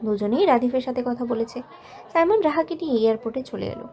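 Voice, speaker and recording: Soft-voiced woman narrating a love story. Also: a little high, lively intonation. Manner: soft, measured, emotional storytelling.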